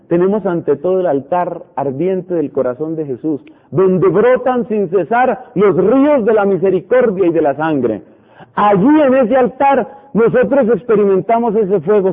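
A man's voice: sits high, breathy edge. A man preaching a fervent sermon as a priest, acting out prayers in the first person. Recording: tinny phone-like radio broadcast.

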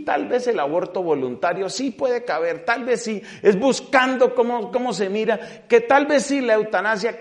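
Man, priest, fairly high voice, middle-aged, emphatic retreat talk, stretched words, trailing off soft. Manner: emphatic, drawing out key words then dropping his voice. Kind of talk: spoken retreat talk to clergy.

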